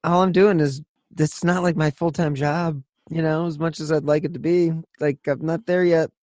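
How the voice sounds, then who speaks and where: A man's voice: on the high side, steady tone, normal speed, darkish tone, no echo. A man hosting a podcast who talks bluntly and swears freely in casual chat. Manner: blunt, profane, heated venting. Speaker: podcast host.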